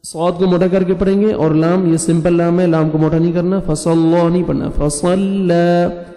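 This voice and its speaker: A Quran teacher, a man whose first language is Urdu, spells out letters and vowel marks syllable by syllable, chants the verses, and briskly explains the pronunciation rules in between. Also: fairly high pitch, little pitch movement, warm tone. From South Asia. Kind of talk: slow syllable-by-syllable recitation lesson with explanations. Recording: echoey room with faint music.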